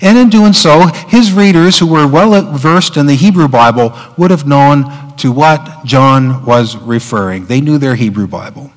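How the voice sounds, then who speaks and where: Pastor preaching in a reverberant church. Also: male voice, on the high side, a little slow, hardly any pauses. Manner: conversational, with filler words and restarts. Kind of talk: sermon.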